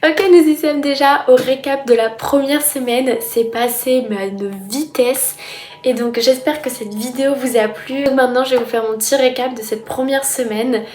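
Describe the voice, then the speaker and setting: A young woman from France talks to her viewers in an easy, excited vlog style, her voice sitting a little high. The room is echoey, and soft music plays underneath. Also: normal speed. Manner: chatty and enthusiastic. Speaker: student vlogger. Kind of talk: casual vlog talk to camera.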